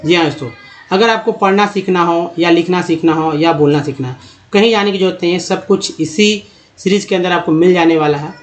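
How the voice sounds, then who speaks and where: A man leads an English pronunciation lesson for Hindi speakers. He draws each word out slowly and clearly, then moves into plain explanation, in a voice a little higher than most men's. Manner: drawn-out dictation of words, then explanatory chat. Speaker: English teacher.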